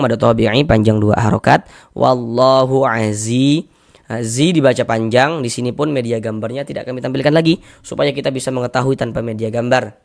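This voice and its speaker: A man teaching Quranic recitation rules, explaining patiently, repeating each rule and slowly drawing out the recited syllables. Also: mid-range voice, creaky. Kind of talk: tajwid lesson with recited examples.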